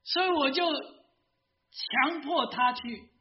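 A man's voice: very high voice, takes it slowly, muffled recording, pitched above the performer's own voice. A man voicing a remorseful old male professor in a confession, told within a sermon. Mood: anguished.

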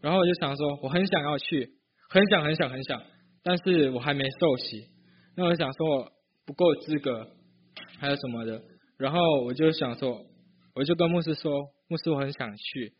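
A man's voice: on the high side, normal speed, breathy edge, highs cut off. A young man from Malaysia, a student, giving an earnest personal testimony at church, hesitating and restarting often. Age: young adult.

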